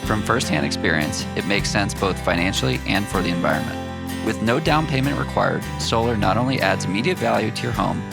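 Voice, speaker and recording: A man hosting a running podcast, reading his intro and sponsor messages in a measured, even way. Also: lowish voice, gravelly. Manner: measured, reads ad copy evenly. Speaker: podcast host. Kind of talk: scripted podcast intro and ad reads. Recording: music bed underneath.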